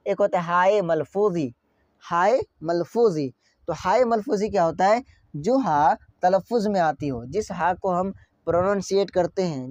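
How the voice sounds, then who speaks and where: A man's voice: sits high, a little mellow, dry recording. A man teaching an online grammar lesson, stretching out example words and asking his students questions again and again.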